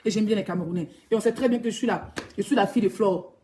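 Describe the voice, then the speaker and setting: A woman's voice: medium pitch, quick pace, mellow, slight background noise. A woman blogger with an Ivorian French accent, ranting in a heated, mocking vlog monologue. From Ivory Coast. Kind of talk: ranting social media vlog.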